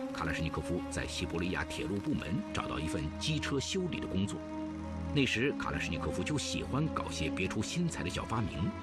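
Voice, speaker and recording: A man narrates a documentary from a script, serious and measured. His voice sits fairly low and moves expressively in pitch, with loud music behind it. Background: loud background music.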